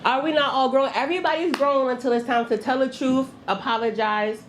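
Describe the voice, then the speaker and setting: A woman's voice: high voice, fairly even intonation, a little fast, a little hiss or hum. A woman from New Jersey hosting a candid advice podcast, talking bluntly with profanity and frequent laughter. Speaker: podcast host.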